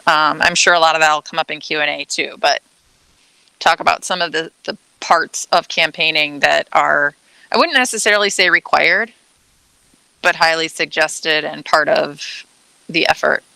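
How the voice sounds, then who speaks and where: A woman's voice: low-pitched, measured pace, vocal fry, bright, forceful tone, smooth, no echo, low-quality recording. A woman on a school board, thinking aloud in a casual meeting discussion with many fillers and restarts.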